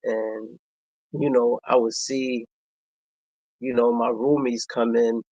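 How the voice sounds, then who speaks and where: A man, telling a personal story in a reflective, halting way, with many pauses and fillers. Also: medium pitch, little pitch movement, darkish tone, dry recording, highs cut off. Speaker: vlogger.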